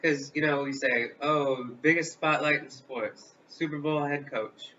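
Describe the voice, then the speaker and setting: A man in his thirties from the American Midwest, co-hosting a live vlog in a halting, rambling comic chat full of fillers and restarts. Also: a little high, sharp tone. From Illinois, US Midwest. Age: 30s. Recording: distant mic, dull lo-fi sound, faint hiss.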